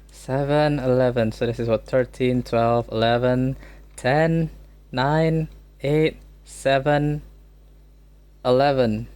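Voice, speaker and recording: A man's voice: mid-range voice, darkish tone, clear, resonant tone. Joking man arguing on a casual stream. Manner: joking, argumentative, quick exclamations. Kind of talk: casual solo stream chat.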